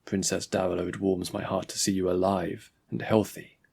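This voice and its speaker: A man's voice: low-pitched, level tone, moderate pace, vocal fry, a little mellow, slightly rough, exaggerated voice. A man reading the part of a stern, dutiful guard captain in an audiobook story, speaking firmly and tersely.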